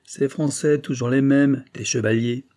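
A man reading an audiobook and voicing a brutal, mocking male bandit leader in a raised, louder voice. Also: medium pitch, fairly even intonation, measured pace, close to an everyday voice. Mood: sneering. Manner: taunting, mocking.

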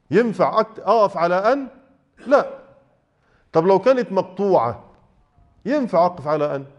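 A man's voice: sits high, lo-fi sound. A man with an Egyptian Arabic accent teaching Quran recitation rules in a mosque class, explaining in a conversational way and often checking that students follow. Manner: conversational, checks understanding with rhetorical questions.

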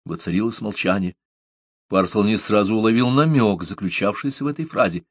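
A man narrating a translated novel in an even, measured storytelling voice. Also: on the low side, no echo, clean studio sound. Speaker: audiobook narrator.

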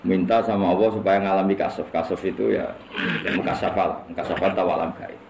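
A man with a Javanese accent preaches in a low voice, spinning humorous religious stories. The room is echoey and roomy, with faint noise behind him. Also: fast talker, vocal fry. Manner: humorous, lively storyteller, often laughing. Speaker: Islamic preacher. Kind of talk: religious lecture with storytelling.

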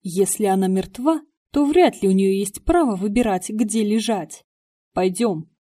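Audiobook: woman voicing an exasperated young gentleman, husky voice. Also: sits high, normal speed. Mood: agitated. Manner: exasperated, excitable. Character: agitated young gentleman, rattled and impulsive.

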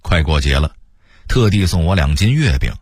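A man in his sixties from Beijing with a Beijing accent, telling a story in a relaxed, chatty way for radio. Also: low-pitched, moderate pace, husky, no room sound, clean studio sound.

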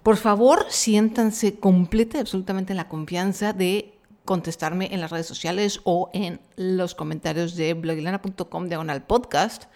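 A woman's voice: lowish voice, steady tone, moderate pace, a little mellow. A middle-aged Mexican woman with a Mexican accent, hosting a podcast in a frank, chatty monologue full of slang and fillers. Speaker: podcast host. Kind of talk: casual chat monologue.

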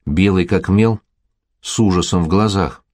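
Low-voiced male audiobook narrator. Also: a little slow, a little mellow. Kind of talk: scripted narration.

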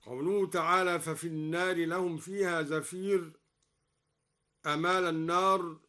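A man teaching the variant readings of the Quran in formal classical delivery, explaining each point and then slowing into melodic chanting of the verse. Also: fairly high pitch, level tone, bright, forceful tone. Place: radio studio.

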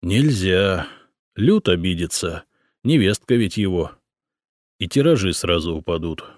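A man reading an audiobook, voicing a gruff, irritable middle-aged emperor who grumbles and barks at his servant. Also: sits low, animated, a little slow, no echo, studio quality. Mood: grumbling. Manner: barking, exasperated outbursts.

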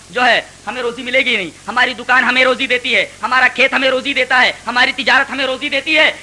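A man's voice: very high voice, sharp tone, slight background noise, low-quality recording. A man giving a Quran commentary lecture, preaching emphatically with rhetorical questions.

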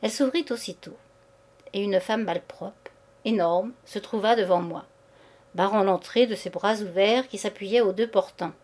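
A woman's voice: mid-range voice, normal speed, darkish tone. Woman reading a classic short story. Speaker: reader.

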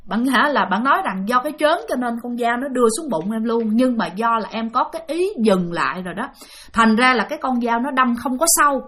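A woman's voice: a little high, lively intonation, a little fast, fairly bright tone. A woman retelling a ghost story, chatting and speaking straight to her listeners. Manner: chatty, addresses listeners directly.

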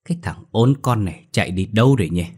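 A man voicing a frantic young mother who is calling loudly for her missing son. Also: animated, fast talker, slightly rough. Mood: anxious. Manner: shrill calling out, panicked.

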